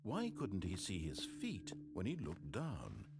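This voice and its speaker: A man's voice: deep voice, huge pitch swings, takes it slowly, a little mellow, exaggerated voice. An actor voicing a posh, theatrical male narrator in a video game, delivering scripted storybook narration. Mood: wry. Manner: crisp storybook narration, dramatic swings. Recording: narration with game music behind.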